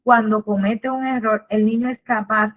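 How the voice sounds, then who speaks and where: A woman gives a patient, explanatory webinar lecture, often posing a question and then answering it herself. Her voice sits a little high for a woman. The sound is thin and phone-like, as if it were coming through a video call. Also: steady tone, moderate pace. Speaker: literacy workshop presenter. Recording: tinny phone-like webinar audio.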